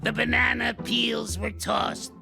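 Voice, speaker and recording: A man voicing a cranky, scolding elderly cartoon ape with a gravelly, crotchety, blustering delivery. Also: very high voice, little pitch movement, slow pace, heavily acted. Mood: theatrical storytelling. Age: older. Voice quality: gravelly, creaky. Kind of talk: animated cartoon voice acting. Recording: loud music behind the voice.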